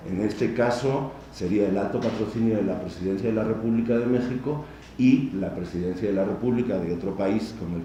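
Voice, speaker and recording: A middle-aged man from Spain, speaking with a Spanish accent, delivers a conference lecture in a measured, explanatory way and sometimes addresses his audience directly. His low, mellow voice is captured from a distance in a large, echoey hall with heavy reverb and a faint hiss.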